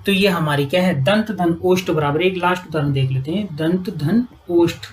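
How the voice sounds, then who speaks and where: Her voice a bit low, a woman leads a Hindi grammar class at the whiteboard, pausing often with "ठीक है" and posing questions she then answers herself. Sounds are spelled out slowly, over slight background noise in a rough recording.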